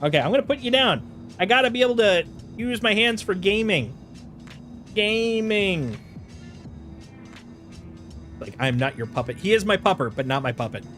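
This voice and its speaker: A man with a high, slightly nasal voice streams games from Wisconsin, talking at a moderate pace with frequent pauses and faint music behind him. He leans into an Upper Midwest accent for laughs, staying animated, joking, laughing often, and dropping overdone folksy exclamations in casual chat.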